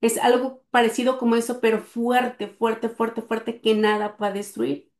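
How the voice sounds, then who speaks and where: Middle-aged woman, higher register, earnest storyteller, echoey room. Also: level tone, a little slow, darkish tone. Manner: earnest, speaks with frequent fillers. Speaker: guest sharing testimony. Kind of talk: personal storytelling.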